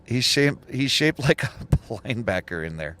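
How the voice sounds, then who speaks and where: A man's voice: mid-range voice, very animated, moderate pace, fairly bright tone. A man hosting a casual livestream, chatty and laughing often as he reads viewer comments aloud. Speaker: livestream host and truck driver trainer.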